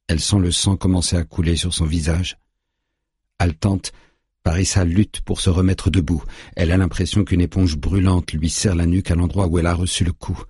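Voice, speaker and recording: A man narrating an audiobook in a grave, measured way, recorded on a close studio mic. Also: low-pitched, darkish tone, breathy edge, no echo.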